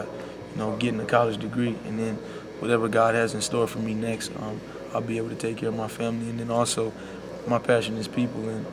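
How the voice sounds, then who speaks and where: Heartfelt young man, flat-voiced. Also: lowish voice, vocal fry. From Bahamas. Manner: soft-spoken and heartfelt, full of "you know". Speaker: college basketball player. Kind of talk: media scrum interview. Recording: loud background noise.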